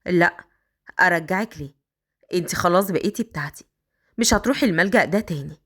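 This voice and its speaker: A woman with an Egyptian accent voicing a smitten older rich man who coaxes in slow, drawn-out lines. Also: lowish voice, a bit bright, voice pushed down. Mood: coaxing. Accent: Egyptian Arabic.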